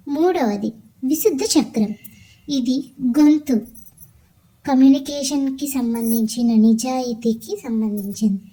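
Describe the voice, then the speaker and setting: A woman calmly explaining meditation as a teacher, listing each point one at a time in a measured way. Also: a little high, rough recording. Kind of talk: calm instructional explanation of chakras.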